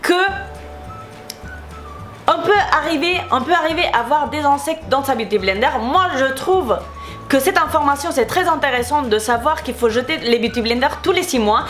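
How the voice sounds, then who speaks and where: Answering comments in a casual vlog, a young beauty YouTuber from Spain speaks French with a Spanish accent, heated and repetitive. Her voice is high-pitched, animated and a bit bright at normal speed, with soft background music.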